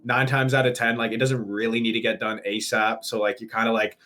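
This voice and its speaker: Fast-talking young man telling a story. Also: medium pitch. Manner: animated storyteller, swears freely. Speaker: podcast co-host. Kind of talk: casual podcast chat.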